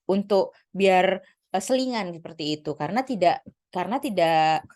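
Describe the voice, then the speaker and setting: A woman's voice: fairly low pitch, animated, normal speed, a little mellow. A woman giving a casual spoken lesson on presenting, chatty, with many fillers and restarts. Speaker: lecturer giving presentation tips.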